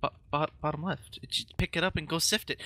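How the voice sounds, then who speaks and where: Speaking briskly in a slightly high, sharp-toned voice, a man co-hosts a casual co-op game session. He teases his partner and giggles as he crafts, keeping the gameplay chat light.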